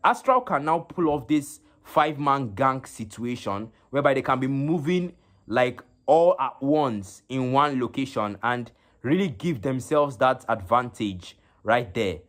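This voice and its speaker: Halting male esports stream commentator. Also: mid-range voice, animated, fairly bright tone. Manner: halting, with many fillers and repeated words. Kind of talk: live stream game commentary. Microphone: phone.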